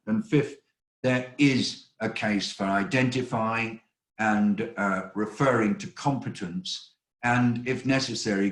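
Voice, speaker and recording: An older man delivers briefing remarks over a video call in a low, steady voice. He speaks in a measured, earnest way with frequent pauses. The sound has a roomy echo. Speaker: host of an online briefing.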